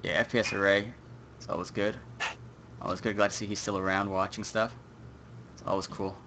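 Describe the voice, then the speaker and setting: A man's voice: lowish voice, flat delivery, brisk, noisy background. A young man hosting a gaming livestream in casual chat, rambling with many fillers. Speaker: stream host.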